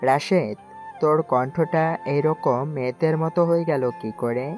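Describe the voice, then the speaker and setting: A woman's voice: low voice, moderate pace, music in the background, natural voice. A woman voicing a quarrelsome young male university tough in an audio story drama, talking bluntly.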